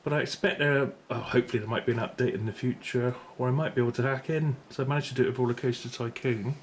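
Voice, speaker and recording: A fast-talking middle-aged British man with a steady, mid-range voice reviews gear as a video host. His unscripted, casual commentary rambles tentatively and he frequently corrects himself. The recording clearly includes background noise and room ambience.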